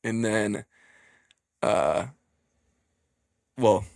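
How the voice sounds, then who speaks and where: A man on a running team's podcast telling a story in a casual, animated way, laughing often, swearing freely and acting out what people said. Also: lowish voice, drawn-out words, vocal fry, no echo, clean studio sound.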